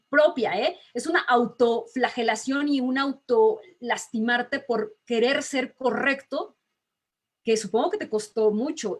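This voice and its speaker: A woman voice teacher, talking emphatically in a relaxed interview and laughing often. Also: high-pitched. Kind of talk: casual video-call interview.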